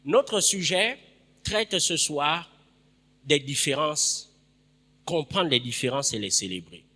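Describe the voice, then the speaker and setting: A man preaching a sermon in a church, emphatic, repeating his phrases and breaking into sudden loud bursts. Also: a little high, animated, slow, big-room sound.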